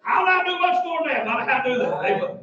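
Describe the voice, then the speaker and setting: Fervent high-voiced preacher in echoey church. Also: male voice, animated, racing, a crowd in the background. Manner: fervent, rhythmic repetition, folksy asides. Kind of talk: shouted revival sermon. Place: church sanctuary. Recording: echoey church from far off, dull lo-fi.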